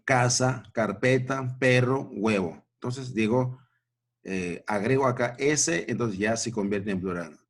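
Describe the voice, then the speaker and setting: A man teaching a grammar lesson at a board, repeating points and checking in with short questions. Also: medium pitch. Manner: slow, repetitive, checking in with "¿no?" and "¿ya?".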